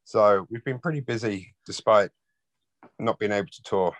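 The guest, an easygoing rock bass player from London, chats casually during an interview. His voice is lowish, his speed normal, and the recording is dry.

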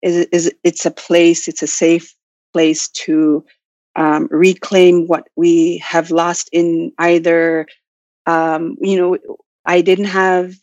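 Halting woman in a roomy recording. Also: on the low side, level tone, a little mellow. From Nunavut, Arctic Canada. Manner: hesitant, halting, searching for words. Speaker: interview guest, Inuit language learner and business owner. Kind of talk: reflective interview answers. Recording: dull, roomy, lo-fi call audio.

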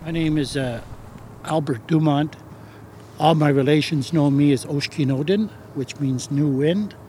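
An older man speaks haltingly with many restarts, his voice sitting a little high. He is recorded outdoors by a river. Loud boat and water noise runs behind him. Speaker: elder and spiritual advisor. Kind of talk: spontaneous talk on a walking tour.

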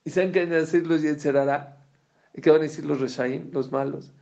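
A man with a gravelly voice teaching a religious class. He speaks animatedly and keeps asking his listeners questions. The recording sounds dull and lo-fi. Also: on the high side, steady tone, a little fast, a little mellow. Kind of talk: Torah class lecture.

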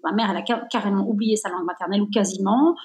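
A woman's voice: medium pitch, a little mellow, roomy sound. Reflective Belgian-born woman in her fifties. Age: 50s. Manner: reflective, slow emphatic phrasing with many fillers. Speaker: guest. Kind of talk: conversational interview.

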